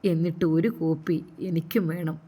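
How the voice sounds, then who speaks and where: A woman acts out a loving older father in a spoken storybook, soft and coaxing with every word. The voice stays low and warm, close to the narrator's own. It carries a Malappuram Malayalam accent. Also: fairly even intonation, moderate pace, husky. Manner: affectionate, coaxing.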